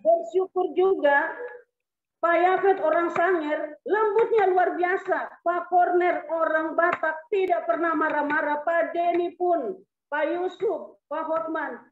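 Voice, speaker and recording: A woman's voice: extremely high pitch, takes it slowly. A woman pastor preaching a sermon with humor, acting out little scenes as she goes. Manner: lively preaching with humor and acted asides. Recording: echoey hall, phone-like sound.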